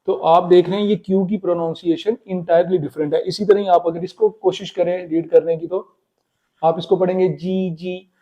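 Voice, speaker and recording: A man explaining Chinese pronunciation in a casual spoken lesson, repeating words slowly. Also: high-pitched, steady tone, warm tone, muffled recording. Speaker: Chinese language teacher.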